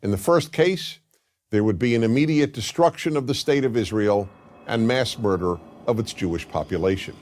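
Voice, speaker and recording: A man giving a scripted explanatory talk like a lecturer, in a deliberate, didactic way with emphatic pauses. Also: lowish voice, a little mellow. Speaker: commentator and lecturer.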